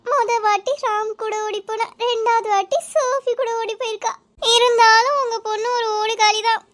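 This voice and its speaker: A woman voicing a tactless, gossiping village woman in an animated drama, blunt and nosy. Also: extremely high pitch, normal speed, slight background noise. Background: music.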